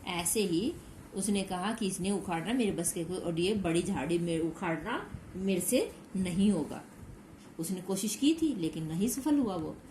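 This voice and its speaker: A woman's voice: lowish voice, lively intonation, unhurried, mellow. A woman teacher who reads a story aloud to young pupils, retells each line in simple words and asks the class questions. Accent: Hindi. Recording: echoey room with faint background noise.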